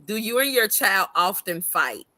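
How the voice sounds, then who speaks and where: A woman's voice: mid-range voice, sing-song, unhurried, pushed and bright, no echo. A woman co-hosting a casual chat show, a mother who is playful and laughs often. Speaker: co-host.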